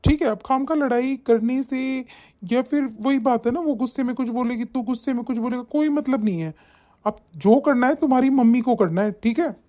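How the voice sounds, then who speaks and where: A woman voicing a calm, persuasive older father-in-law in an animated story. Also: high voice, fairly quick, muffled recording, natural voice.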